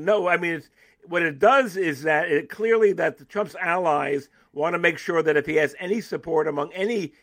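A man giving political analysis as an interview guest, animated and emphatic, often restarting his sentences. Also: a little high.

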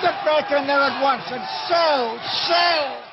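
Actor as frantic high-pitched shouting trading boss. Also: male voice, takes it slowly, full character voice. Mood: frantic, commanding. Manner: barking urgent orders. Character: frantic shouting stock trader boss in old film. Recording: muffled noisy old film clip with crowd.

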